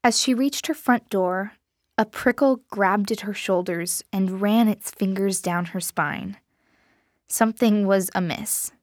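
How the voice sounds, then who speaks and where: A woman reads a story aloud in a measured, steady narrating voice of medium pitch. The recording is dry and close, with no room sound. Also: dry recording.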